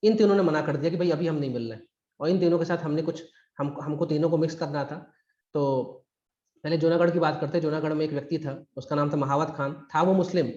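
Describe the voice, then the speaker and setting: A man's voice: on the high side, steady tone, fast talker, darkish tone, echoey room, dull audio. A man teaching a live online history class for exam preparation, talking in a conversational, emphatic way. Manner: conversational and emphatic, acts out quotes. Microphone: recorded through a video call.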